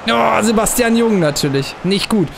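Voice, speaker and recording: A young man giving casual commentary while he plays a football video game, muttering at times and bursting out loudly at plays. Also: high voice, moderate pace, creaky, a little hiss or hum. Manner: excitable, swings from muttering to loud outbursts at plays. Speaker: gaming channel host.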